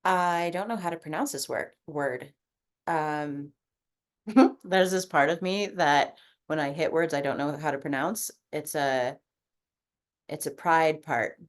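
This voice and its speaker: Speaking slowly in a low-pitched voice, a coaching participant reflects casually on a group video call, swearing freely and filling her talk with fillers.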